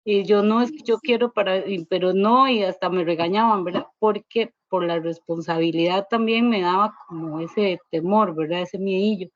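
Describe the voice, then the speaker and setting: A woman's voice: mid-range voice, moderate pace, few pauses, no room sound, muffled recording. A woman sharing a personal church testimony in a class, telling it in a rambling way with constant tag questions.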